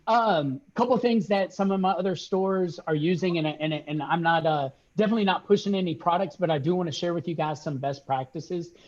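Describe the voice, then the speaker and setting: A man's voice: a little high, brisk, few pauses. Upbeat man on a dull video call. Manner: upbeat, praising, fills with uh and restarts. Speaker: regional sales manager. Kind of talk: video call business check-in.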